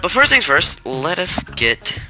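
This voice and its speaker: A man hosting a gaming channel, rambling and correcting himself in a flat, robotic-sounding delivery while he sounds stressed. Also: fairly high pitch, unhurried. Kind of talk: casual gameplay commentary. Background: game music.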